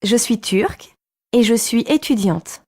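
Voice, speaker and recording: A woman reads short textbook lines in a slightly high voice. She speaks slowly and carefully, spelling a name one letter at a time. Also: lively intonation, darkish tone, slightly rough. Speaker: actor in a textbook dialogue. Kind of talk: scripted dialogue reading.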